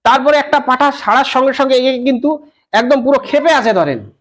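A goat farmer from West Bengal explaining breeding to an interviewer, often checking that the listener follows. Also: male voice, very high-pitched, animated, fairly quick, a bit bright. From West Bengal, India. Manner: repeats "কিন্তু" and "বুঝতে পেরেছেন?" often. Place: goat farm, outdoors.

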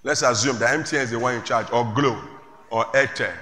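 A male pastor preaching a sermon to a congregation, calling out questions and rising to shouts. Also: mid-range voice, a little fast. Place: church hall with congregation. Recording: echoey church hall, faint room noise.

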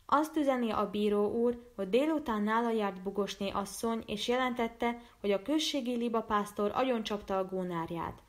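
A woman's voice: fairly high pitch, natural voice. A woman voicing a village messenger who delivers an official order formally.

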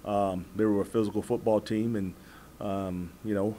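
An American college football head coach in his forties answers postgame press questions in a measured, halting way, repeating words as he goes. His voice is on the low side, mellow, and fairly even in intonation, with a little hiss or hum. He sits at a table in an indoor press room before a backdrop, with several press microphones in front of him.

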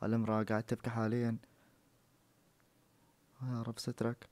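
A man's voice: mid-range voice, monotone, fairly quick, darkish tone. A man commenting on a prank video in a joking, teasing way. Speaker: YouTuber reacting to a prank video. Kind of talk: casual reaction commentary.

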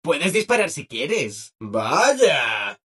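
A relentlessly chirpy video game robot, speaking with a Castilian Spanish accent. The voice sits high and swoops up and down with a slightly husky edge. It is servile and fawning, eager to please in every phrase. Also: male voice, big pitch swings, extremely slow, a bit bright, exaggerated voice. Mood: giddy, excited. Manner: exaggeratedly upbeat, fawning, sing-song.

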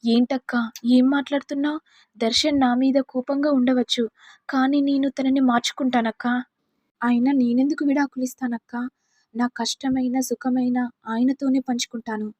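A woman voicing a meek, patient young wife who speaks softly and pleadingly. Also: high voice, flat delivery, normal speed, no echo. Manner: soft, pleading.

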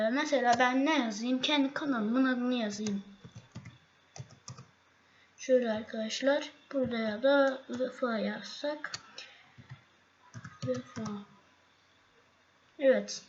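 Woman, high-pitched, casual screen tutorial, hesitant and filler-heavy, dull home mic with faint noise. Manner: halting, many fillers and restarts, addresses viewers as friends. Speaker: tutorial host.

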